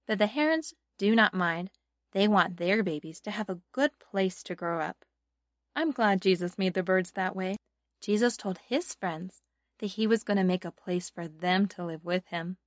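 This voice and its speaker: A woman's voice: on the low side, normal speed, dry recording. Woman Sunday school teacher, dry lo-fi recording. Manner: Sunday school teacher talking simply to young children. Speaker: host of children's Bible and nature podcast, Sunday school teacher. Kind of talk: children's Bible lesson, asking simple questions. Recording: dull lo-fi sound, faint music.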